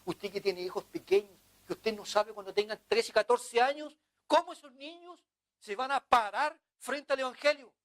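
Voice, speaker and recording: Impassioned pastor preaching. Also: male voice, extremely high pitch, moderate pace, fairly bright tone. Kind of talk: sermon.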